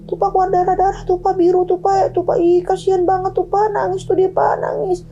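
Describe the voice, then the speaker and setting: A woman putting on a shrill frantic wife. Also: expressive, fairly quick, dark tone, muffled recording, slight background noise. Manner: shrill, pleading, keeps repeating "Pak". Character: frantic middle-aged wife on pilgrimage, seeing things.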